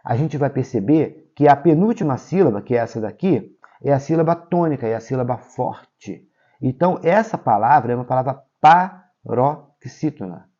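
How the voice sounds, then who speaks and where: A Brazilian male teacher walks through a grammar lesson for exams, checking in with his students after each point. His voice is mellow and warm, and he pushes key words up in pitch and volume for emphasis. The audio is a bit dull and muffled. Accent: Brazilian Portuguese. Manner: explains step by step, checks in with "tá?" and "ok?"; lively, stresses key words with jumps in pitch and loudness. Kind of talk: exam-prep grammar lesson.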